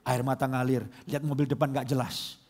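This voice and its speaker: A middle-aged male pastor, preaching a lively sermon that swings between comic mimicry and soft, prayerful moments. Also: mid-range voice, brisk, husky.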